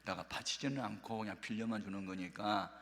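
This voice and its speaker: A man's voice: mid-range voice, moderate pace, pushed and bright. A preacher puts on a middle-aged churchwoman, stubborn at first and then pleading through tears. His voice rises above his normal speech to sound like her. A long reverb from the hall hangs behind each line.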